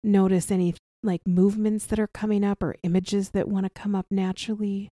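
A woman leading a guided body relaxation as an instructor, speaking softly and soothingly with long pauses between short phrases. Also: mid-range voice, level tone, dry recording, studio quality. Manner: soft, gentle, soothing delivery with long pauses. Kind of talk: guided somatic relaxation practice.

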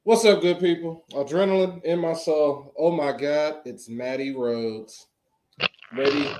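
A man's voice: a little high, steady tone, measured pace, a little mellow. Man in an echoey room. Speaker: podcast panelist. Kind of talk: casual chat. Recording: roomy, echoing, faint background noise.

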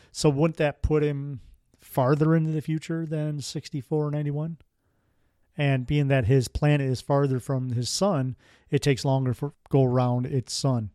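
A man's voice: medium pitch, mellow, no echo, clean studio sound. A man hosting a podcast, telling a strange story in a casual, rambling way with wry asides. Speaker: podcast host.

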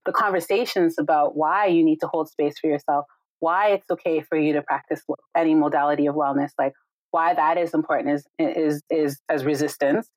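A Jamaican yoga and meditation teacher joins a casual video call as a guest, speaking warmly and reflectively with frequent "right?" and "like". Her voice is low with fairly even intonation and a brisk pace; there's no room sound, and the audio is poor.

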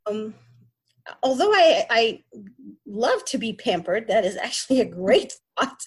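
Husky-voiced woman, halting with fillers. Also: on the high side, big pitch swings. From Middle East (born in Kuwait, raised in Egypt). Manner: hesitant, many fillers and restarts. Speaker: podcast guest. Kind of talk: casual interview talk.

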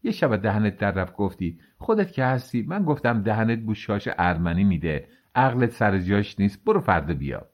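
A man voicing a foul-mouthed, sharp-tongued older woman pilgrim who curses and scolds. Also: on the low side, big pitch swings, muffled recording. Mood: scolding.

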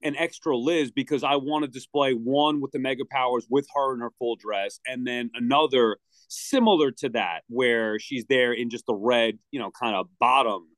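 A man's voice: mid-range voice, normal speed, hardly any pauses, fairly bright tone, no echo. A man with a mid-range voice chatting on a podcast, wry and teasing and matter-of-fact. He is recorded close and dry. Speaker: podcast co-host. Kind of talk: casual chat.

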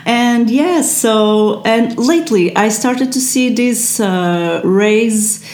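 A woman from Portugal with a slightly high, darkish voice speaks slowly as a podcast guest. She's an SEO translator, chatting casually with many fillers, restarts and small laughs, recorded in an echoey space.

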